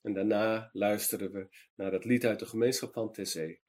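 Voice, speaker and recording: A man reading a children's Bible story in a lively storytelling manner for a meditation program. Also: on the low side, moderate pace.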